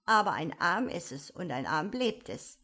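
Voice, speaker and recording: A woman's voice: on the low side, very animated, moderate pace, pushed and bright, full character voice. A woman voicing a simple-minded male servant who mangles his words in a dull, dialect-like way. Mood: stubborn.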